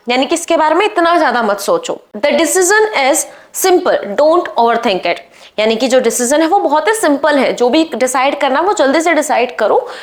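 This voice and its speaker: A woman with a high voice teaches a spoken English lesson. She explains each phrase and then says the English sentences slowly and clearly, one at a time.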